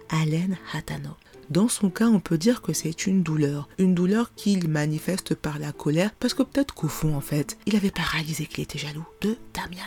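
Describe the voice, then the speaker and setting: A podcast host in a casual commentary monologue. The voice sits mid-range, and the delivery is rhetorical and animated, often breaking into laughter. Soft music plays faintly in the background. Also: medium pitch.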